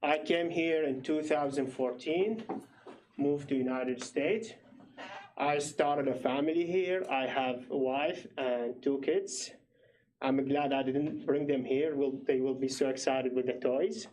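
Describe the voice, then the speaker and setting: Recorded in low quality, this man has a medium-pitched, slightly mellow voice. He's a PhD student from Iraq in his thirties, giving a slow, filler-heavy, hesitant explanation of his research at a public meeting.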